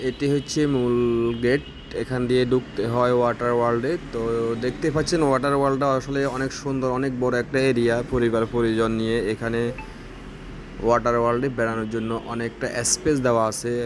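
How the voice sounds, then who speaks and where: A man, narrating a travel vlog in a plain, steady guiding tone as he walks through an amusement park. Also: mid-range voice, fast talker, noisy background. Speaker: travel vlogger. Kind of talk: walking tour narration.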